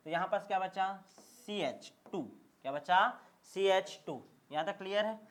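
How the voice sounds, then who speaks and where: Casting note: male chemistry teacher, slightly high voice, repetitive call-and-response drilling. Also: moderate pace. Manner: call-and-response drilling, repeats questions and answers; emphatic, checks understanding often. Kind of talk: classroom lecture.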